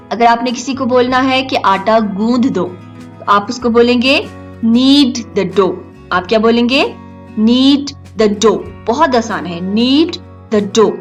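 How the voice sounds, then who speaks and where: A woman hosting an English lesson, repeating each phrase slowly and carefully for learners. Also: fairly high pitch, fairly bright tone. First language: Hindi or Urdu. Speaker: English teacher, channel host. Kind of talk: slow instructional lesson.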